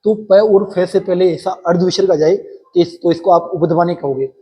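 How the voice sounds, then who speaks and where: A man's voice: high-pitched, moderate pace, mellow, breathy edge, muffled recording. A male teacher explaining a Sanskrit grammar lesson for exam preparation, going step by step and quizzing his students with repeated questions.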